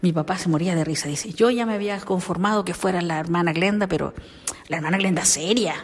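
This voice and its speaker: A middle-aged woman with a husky, slightly low voice tells her story in an interview. She speaks in an animated way and often softens into near-whispers. The sound carries a long room reverb. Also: quick pace. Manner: animated storytelling, many soft whispered asides. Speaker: consecrated virgin, singer.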